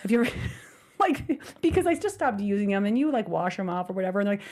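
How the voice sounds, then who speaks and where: Casual podcast co-host, woman, animated storyteller who laughs often. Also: mid-range voice, fast. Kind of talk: casual chat.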